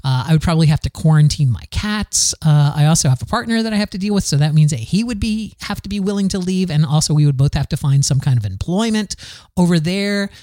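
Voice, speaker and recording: A man's voice: on the high side, expressive, fast talker, dark tone, no room sound, studio quality. A man from the American South hosting a podcast, talking in a candid, rambling solo monologue full of restarts. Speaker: podcast host.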